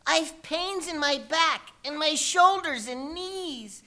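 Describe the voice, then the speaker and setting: A woman's voice: high voice, animated, slow, bright, forceful tone, exaggerated voice. A woman playing meek little turtle Mac. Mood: pleading. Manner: pleading, groaning. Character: small meek male turtle at the bottom.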